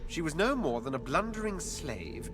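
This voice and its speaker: An actor playing a pitiless, scornful judge in a fantasy video game, speaking with accusing contempt. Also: male voice, on the high side, sing-song, normal speed, over music. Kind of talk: dramatic video game acting.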